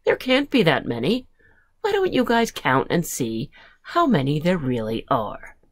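A woman's voice: deep voice, wildly swooping pitch, unhurried, heavily acted. A woman voicing a sly, hungry female coyote in a read-aloud picture book, with a scoffing, boastful manner. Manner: teasing, boastful.

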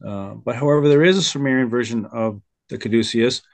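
A man's voice: mid-range voice, a little fast, no echo. A man hosting a casual video-call discussion, talking hesitantly with lots of fillers. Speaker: host.

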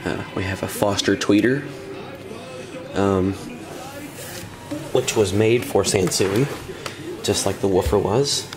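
A man with a lowish voice gives a casual, offhand demo as an audio hobbyist, speaking slowly with long pauses into a handheld camera over music. He's in a room at home with a wooden floor, offering informal commentary as he goes.

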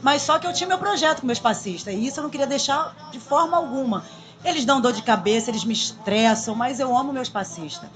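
A woman, talking in a lively, chatty way as a guest in a small radio studio. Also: high-pitched, quick pace. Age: 40s. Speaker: samba school drum queen guest. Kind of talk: casual radio interview. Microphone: studio boom mic.

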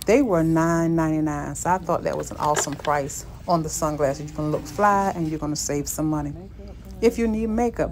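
This woman's fairly low voice comes with a slight hiss or hum as she strolls a big store for her shopping vlog. Chatty and upbeat, she keeps saying guys to her viewers while describing what she comes across.

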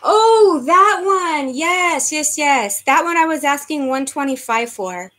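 This woman in her fifties has a high-pitched, fairly bright voice with lively intonation, and she speaks slowly. Hosting a live handbag auction online from her living room, she faces a webcam and keeps up a chatty stream of bid calls and thank-yous to viewers by name.

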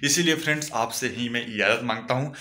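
A man speaks to his viewers in a casual vlog, offering earnest, advice-heavy encouragement. His voice is bright and forceful, with a ringing edge. The room around him is echoey. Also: medium pitch, fast talker. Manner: earnest, advising, addresses viewers as friends. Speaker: vlogger. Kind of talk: casual motivational vlog talk.

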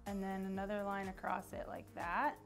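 A woman's voice: medium pitch, completely flat delivery, moderate pace, gravelly. A woman teaching a children's church lesson, chatty and encouraging, leading a drawing activity, with faint music behind. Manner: chatty and encouraging, with playful asides. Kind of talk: upbeat lesson for young children.

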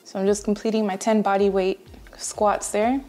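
Recorded at home with faint music in the background, a fitness vlogger in her thirties explains exercises in a relaxed, conversational voice-over. She speaks at a moderate pace with a medium-pitched, dark-toned voice and a flat delivery.

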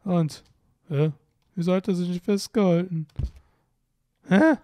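A man's voice: high voice, a little slow, dark tone, dry recording. A young man giving casual, playful commentary while playing a video game, often exclaiming and muttering to himself. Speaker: let's play commentator.

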